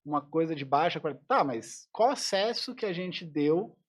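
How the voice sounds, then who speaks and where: A fairly high-pitched, expressive male voice at normal speed belongs to a musician on a podcast. The conversation is a loose interview, and he thinks things through aloud with many false starts.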